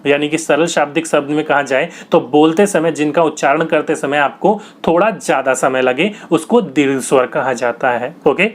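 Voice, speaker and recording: A man's voice: on the high side, normal speed, hardly any pauses. A young man teaching a grammar lesson for exam prep, asking questions and answering them himself in a patient, repetitive way.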